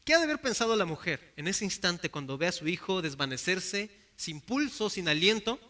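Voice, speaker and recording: A man's voice: high-pitched, very animated, moderate pace, bright, forceful tone. A man with a Mexican Spanish accent preaching a sermon in an earnest way, acting out the people in his Bible stories.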